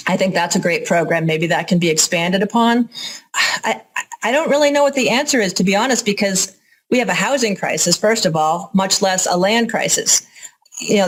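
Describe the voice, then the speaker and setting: Candid American woman answering interview questions. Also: lowish voice. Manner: candid, informal, explanatory. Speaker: interview guest, organic farmer and educator.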